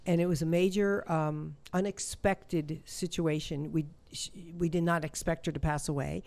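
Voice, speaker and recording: Halting, low-voiced woman telling a story. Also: steady tone, vocal fry, darkish tone. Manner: halting, emotional, many restarts and repetitions. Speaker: shamanic healer guest. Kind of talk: personal storytelling in an interview.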